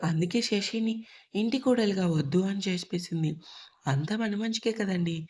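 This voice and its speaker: A woman reading the part of a worried, tearful middle-aged mother in an audio storybook, with a soft, pleading delivery. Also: mid-range voice, moderate pace, slightly rough, lightly acted. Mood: sorrowful.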